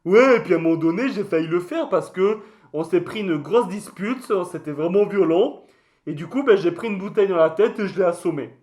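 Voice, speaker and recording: A man's voice: high voice, lively intonation, fairly quick, darkish tone. A man voicing a touchy, boastful mascot creature in a comic mock interview, rambling in crude slang. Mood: exasperated. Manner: slangy, crude, hesitant rambling storytelling with outbursts.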